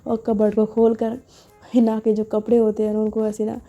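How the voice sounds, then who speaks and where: A woman tells a story in a relaxed, conversational way, often dropping in a filler 'na'. Her voice sits a bit high, with a dark and mellow tone. Faint music plays behind her. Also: normal speed. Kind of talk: casual story narration.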